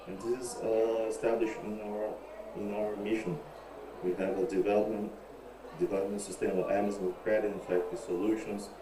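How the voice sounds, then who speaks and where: Deep-voiced man on an echoey call line. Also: level tone, a little fast. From Brazil. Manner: hesitant, many restarts and repeated words. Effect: echoey remote call line with audio feedback. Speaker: remote presenter at an online panel. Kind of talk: halting presentation on a video call. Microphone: video call. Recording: distant echoey call audio with noise.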